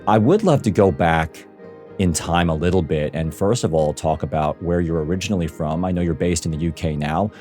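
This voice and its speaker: Deep-voiced male podcast host. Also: a little fast, darkish tone, soft background music. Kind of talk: interview podcast.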